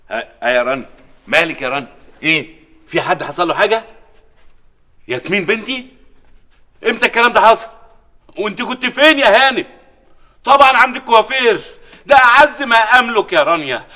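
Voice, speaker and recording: An actor with an Egyptian accent playing an excitable, doting father who is quick to snap at his slow-witted helper. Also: fairly high pitch. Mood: alarmed. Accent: Egyptian Arabic. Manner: fast, bright and snappy, quick to shout. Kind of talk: sitcom acting.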